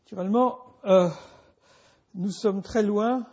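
A man delivers a university lecture at an unhurried pace, stopping and restarting his phrases again and again. His voice is husky and gravelly, sitting a little high. The recording is dull and lo-fi. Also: a little mellow. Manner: halting, many restarts and repeated words.

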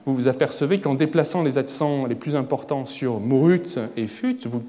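A man giving an academic lecture at a conference, erudite and hesitant, often pausing on filler sounds. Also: mid-range voice, mellow, big-room sound. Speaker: conference speaker. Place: conference hall.

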